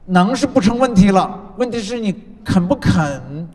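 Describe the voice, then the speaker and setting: A man's voice: expressive, moderate pace. Emphatic male preacher in a reverberant hall. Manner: emphatic preaching with rhythmic repetition; swings from loud declarations to soft, low asides. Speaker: pastor. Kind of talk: sermon. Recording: long reverb of a large hall.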